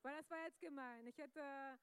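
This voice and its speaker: A young woman preaching a lively youth sermon, energetic and joking with the audience, laughing often. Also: sits high, moderate pace.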